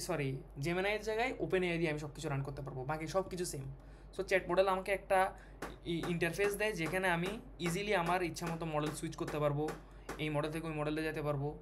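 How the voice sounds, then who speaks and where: A man explains code in a casual screen-recorded lesson. His voice sits a little high, and he pauses, fills gaps and restarts phrases as he types. Faint background noise hums under the recording. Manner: code-switching, halting with fillers and restarts. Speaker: programming tutor.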